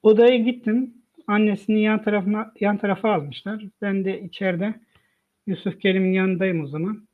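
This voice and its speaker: A man with a raised, fairly high voice recounts his family's ordeal in a personal testimony, as a father speaking of his son. He moves the story along by quoting each person's exact words. The sound is thin and boxy, as if it comes over a phone line from a live online stream. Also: steady tone, normal speed. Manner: retells events by quoting dialogue, frequent "dedim" and "dedi" tags. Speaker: father of the child.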